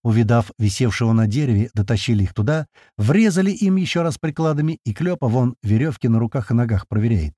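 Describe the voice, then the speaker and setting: Expressive male audiobook narrator. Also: medium pitch, fast talker, hardly any pauses, no echo, clean studio sound. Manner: colloquial, wry, expressive. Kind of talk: first-person audiobook narration.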